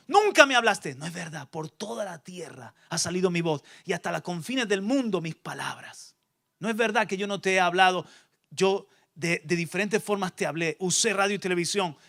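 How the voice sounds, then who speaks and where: A man delivering a sermon in a bright, ringing tone. His voice sits high for a man, and he preaches emphatically, swinging between forceful outbursts and softer asides. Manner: emphatic, voices opposing sayings with rising intensity.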